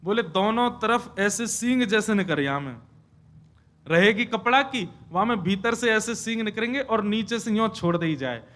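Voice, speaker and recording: Young male preacher, high bright voice, animated storyteller. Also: normal speed. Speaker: kathavachak preacher. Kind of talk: devotional scripture sermon with storytelling.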